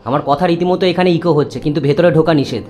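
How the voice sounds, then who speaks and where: A man's voice: fairly high pitch, racing, soft background music. A male travel vlogger calling out at the mouth of rocky caves, his voice ringing back with a heavy echo. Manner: calling out into the dark and listening. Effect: heavy cave echo on his voice. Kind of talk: guided travel vlog.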